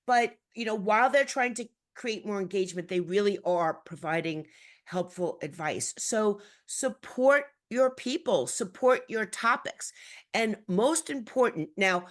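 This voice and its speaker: A woman's voice: medium pitch, measured pace. Woman host, casual chat, rambling and chatty, mid-range voice. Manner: rambling and chatty, with laughs and frequent restarts. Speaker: podcast host.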